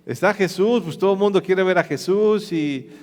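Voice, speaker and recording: A man preaching a sermon, retelling a scripture story in a lively, storytelling way. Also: sits high, moderate pace, long reverb tail. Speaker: pastor.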